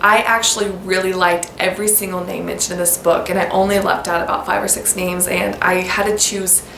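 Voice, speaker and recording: An American baby-name vlogger chats casually to camera, upbeat and gushing, sometimes spelling names out letter by letter. Her voice is on the low side, steady, a little fast, gravelly and a bit bright, recorded in an echoey room with background noise.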